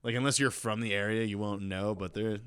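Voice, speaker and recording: A man's voice: fairly low pitch, fairly even intonation, brisk, a bit bright, smooth, no echo. A man co-hosting a comedy podcast in casual banter, trading dry quips and arguing points. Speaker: podcast co-host.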